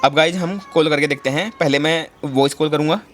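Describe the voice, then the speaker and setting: Higher-pitched man guiding a phone tutorial. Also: fairly even intonation, fairly quick. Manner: instructive, repeats steps and addresses viewers as guys. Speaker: tech tutorial host. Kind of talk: step-by-step screen tutorial.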